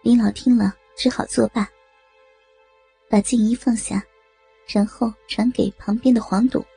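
A woman narrating a story in a steady, even storytelling voice. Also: a little high, unhurried, creaky, husky, soft background music, poor audio. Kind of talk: audio erotic story narration.

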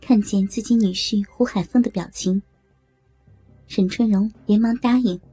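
A woman narrating an audio story in a slow, even storytelling manner. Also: medium pitch, breathy edge, no room sound, soft background music.

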